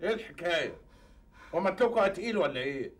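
An actor playing an exasperated middle-aged husband and father who gives gruff orders to his household in a TV comedy. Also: high voice, expressive, fast talker. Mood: defensive.

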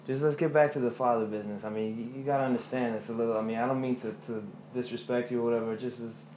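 A man's voice: medium pitch, steady tone, very fast, darkish tone, roomy sound, a little hiss or hum, close to an everyday voice, low-quality recording. A man playing a stammering young man. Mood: defensive. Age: 20s. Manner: stammering, many restarts. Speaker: young son. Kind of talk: film drama acting.

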